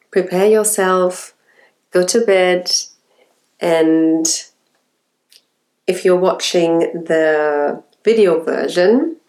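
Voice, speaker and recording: A woman speaking as an intimate ASMR relaxation guide, soft, soothing and sensual. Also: fairly low pitch. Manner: slow, soft, sensual, soothing delivery with breathy whispered words.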